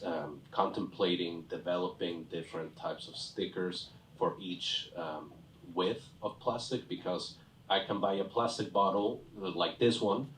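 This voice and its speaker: A man judging a pitch competition, enthusiastic and chatty as he asks a long question. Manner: enthusiastic, chatty, self-deprecating. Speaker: competition judge. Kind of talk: judge's question. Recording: echoey hall from far off, faint room noise.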